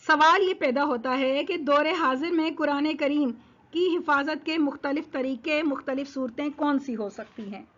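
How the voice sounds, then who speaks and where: Woman lecturer, high voice, steady explanatory delivery in numbered points, dull lo-fi recording. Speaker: religious lecturer. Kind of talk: religious history lesson.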